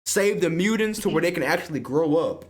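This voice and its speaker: A man hosting a casual spoiler review of a film, excitable and slangy, swearing freely and often laughing. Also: a little high, a little fast. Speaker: movie reviewer and host.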